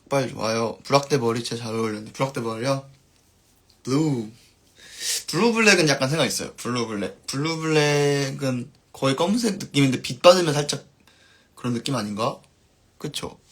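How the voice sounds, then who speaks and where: A male band musician reads viewer comments aloud during a relaxed live stream chat, his sentences tapering off softly. His pitch sits in the medium range.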